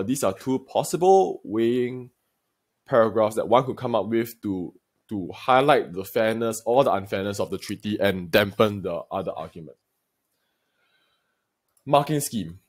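Low-voiced male history teacher. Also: darkish tone. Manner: deliberate, emphatic lecturing, addressing students directly. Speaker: secondary school history teacher. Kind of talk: recorded video lesson.

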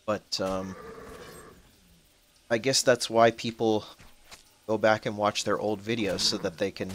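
Speaking a little slowly with fairly even intonation, a lowish-voiced man of twenty-one rambles chattily through a game on his channel, cursing now and then at the screen. It's casual let's-play commentary. Faint background noise runs underneath, and his voice drops out when soft.

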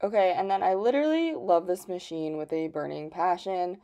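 A woman's voice: fairly low pitch, moderate pace, mellow. Give me a young woman vlogging casually to a phone camera, chatty and full of fillers. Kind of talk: casual vlog talk to camera. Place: gym, then at home.

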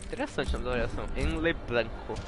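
A man with a Brazilian accent giving excitable, slangy live fighting game commentary, full of jargon. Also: mid-range voice, quick pace. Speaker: esports match commentator. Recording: game music behind the voice.

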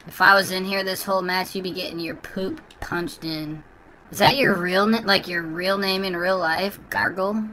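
A man's voice: high voice, steady tone, normal speed, sharp tone, a little hiss or hum, low-quality recording. A man as a bratty kid gamer through a voice changer. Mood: taunting. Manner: taunting, crude, goading. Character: obnoxious trash-talking little kid gamer. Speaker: prank gaming video host. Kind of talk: trolling voice chat during an online game.

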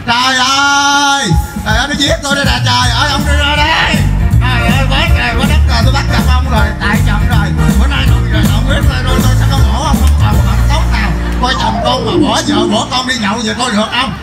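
A man playing a loud, jealous wife who wails and scolds while hunting down her drunk husband in a live comedy skit. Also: extremely high pitch, fairly even intonation, quick pace, hardly any pauses, reverberant, loud music behind the voice. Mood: shrieking. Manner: wailing, scolding, crying out to the crowd.

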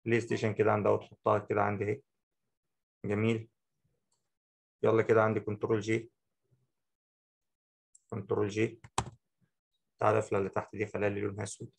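A man with an Egyptian accent teaching a software tutorial, talking the viewer through each step and repeating short phrases. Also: on the low side, monotone, fast talker, creaky, pauses often, slightly rough. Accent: Egyptian Arabic. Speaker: Photoshop instructor. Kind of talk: screen-recorded software tutorial.

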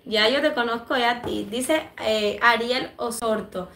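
Cuban woman livestream host, higher voice, affectionate chatter, echoey room, allergy throat-clearing. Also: a little slow, a bit bright, a little hiss or hum. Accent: Cuban Spanish. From Cuba. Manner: chatty and affectionate, many fillers. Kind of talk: casual livestream chat reading comments.

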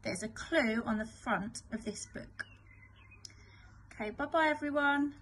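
A woman teacher reading a picture book aloud to children, expressive and gentle. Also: on the high side, unhurried, a little hiss or hum, rough recording. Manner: expressive, sing-song, gentle.

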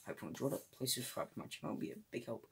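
A man's voice: racing, slight background noise. A man giving a casual solo movie review, hesitant and full of fillers, often tripping over names.

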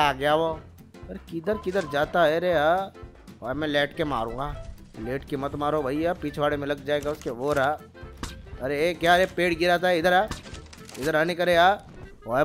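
A man giving excited gameplay commentary with banter, loudly teasing and yelling at the dinosaurs in street slang, on a headset mic at a home gaming setup. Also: a little high. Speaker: gaming YouTuber.

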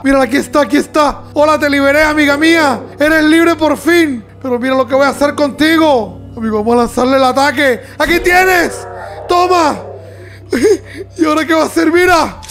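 An excitable young man with a very high voice chatters through a horror game, yelping and laughing as he goes. Faint game music plays under his talk. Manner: excitable, yelps and laughs, talks to viewers as "amigos". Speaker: gaming YouTuber. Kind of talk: horror game let's play commentary.

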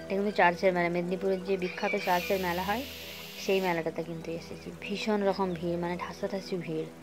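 Over background music, a young woman narrates a casual vlog into a phone held at arm's length in a small room at home. She talks fast in a lowish, level voice, chatting straight to her viewers and sprinkling in English words.

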